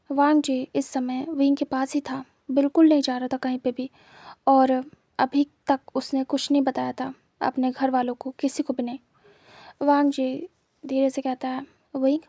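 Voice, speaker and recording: A woman's voice: high voice, mellow, no echo. A woman with a Hindi accent narrating a fan fiction story, repeating herself for emphasis. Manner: repetitive, emphatic.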